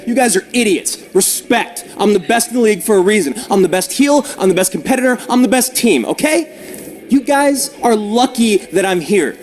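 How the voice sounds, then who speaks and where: A man's voice: high voice, expressive, moderate pace. A man trash-talking in a cocky, boastful, taunting way after a win. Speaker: competitor in interview. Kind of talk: brash trash talk.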